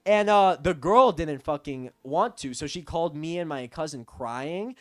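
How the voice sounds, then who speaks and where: Animated, high-pitched young man ranting. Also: a little slow, no room sound. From Texas. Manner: rambling, profane, animated. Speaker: vlogger. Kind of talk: storytime rant.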